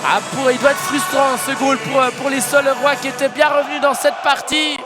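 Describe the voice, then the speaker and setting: Male play-by-play hockey caller, very high excitable pitch, shouted goal calls, busy crowd and music behind. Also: a little fast. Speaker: ice hockey play-by-play commentator. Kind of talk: live sports commentary with excited goal calls. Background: arena crowd and music.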